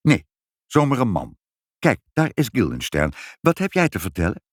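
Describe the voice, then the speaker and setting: A man's voice: medium pitch, huge pitch swings, normal speed, no room sound, clean studio sound. A man voicing a fussy, chatty mother in a storybook reading. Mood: gossipy.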